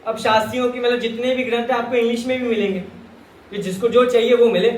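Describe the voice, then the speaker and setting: High-voiced man giving a scripture talk. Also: steady tone, fast talker. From Rajasthan, India. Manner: chatty and joking, often addresses listeners as brother. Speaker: Jain scripture teacher. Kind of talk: scripture discourse to a live audience. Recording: echoey hall with faint ambience.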